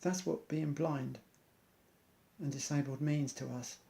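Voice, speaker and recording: A man's voice: on the high side, steady tone, slow pace, gravelly, warm tone. A man, an amateur athlete, earnestly reciting an inspirational monologue in loose rhymes.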